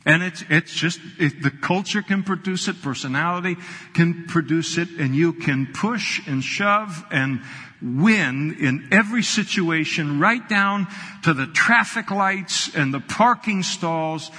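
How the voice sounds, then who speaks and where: A man's voice: on the high side, a little slow, bright, forceful tone, breathy edge. A man pastor preaching a sermon in a conversational way, with quoted asides to the congregation. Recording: reverberant hall.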